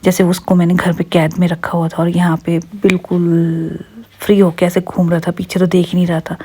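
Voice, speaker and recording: Young woman, husky low voice, flat casual voice-over narration. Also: moderate pace. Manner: recounting events, quoting others. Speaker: vlogger narrating a clip.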